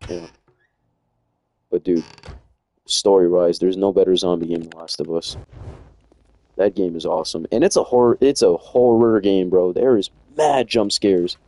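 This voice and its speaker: A young American man streams a game from home, chatting loosely and rambling in slang. His voice is low and dark, at a normal speed, and he pauses often.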